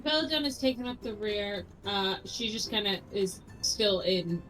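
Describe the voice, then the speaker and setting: A woman's voice: mid-range voice, animated, normal speed, a bit bright, faint music behind, poor audio. A woman chatting casually as a player in a tabletop role-playing game.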